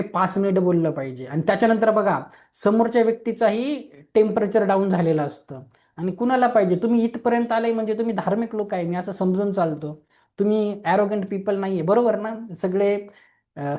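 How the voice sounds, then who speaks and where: Explaining Reiki simply in a webinar, this young man keeps asking his listeners if they agree and leans on questions and everyday examples. His voice sits high and mellow at a slightly fast pace, picked up by an online webinar mic. He is a young adult.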